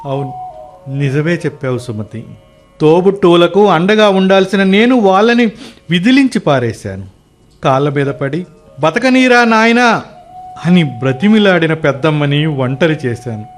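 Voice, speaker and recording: A remorseful, self-blaming son in a radio play, his voice pitched high and sorrowful. Faint music plays behind him. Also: a bit bright. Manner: mournful, self-reproaching. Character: guilt-ridden married son, grieving, remorseful.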